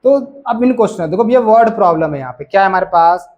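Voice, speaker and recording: A man's voice: high-pitched, lively intonation, fast, darkish tone, dull audio. A man teaches a maths class. He keeps it casual and chatty, repeating each key point and coaxing the students along as he works through the problems. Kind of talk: classroom lesson explaining solutions.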